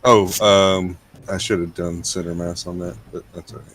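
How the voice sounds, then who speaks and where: A man's voice: sits low, flat delivery, moderate pace, fairly bright tone, faint music behind. A man playing a tabletop game who talks hesitantly, with frequent ums and easy laughs. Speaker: player. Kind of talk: casual tabletop game play.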